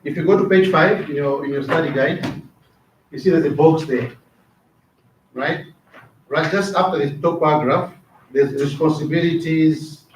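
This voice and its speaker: A middle-aged Zambian man trains a class in a casual lecture style, often checking in with "right?" and repeating words. His voice is fairly high, his speed normal, and he pauses often. The training classroom is echoey, the mic is distant, and the sound is dull with a little hiss or hum.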